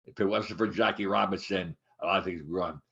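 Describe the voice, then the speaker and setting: A man in his eighties, co-hosting a casual chat show, rambling with many halting restarts and fillers. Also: deep voice, steady tone, vocal fry, pushed and bright. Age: 80s. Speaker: podcast co-host. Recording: dull lo-fi sound.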